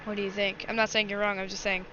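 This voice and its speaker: A woman's voice: medium pitch, flat delivery, fast talker. A woman hosting a livestream, giving casual, chatty live commentary and speaking directly to her viewers. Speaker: livestream host. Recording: dull lo-fi mic with faint noise.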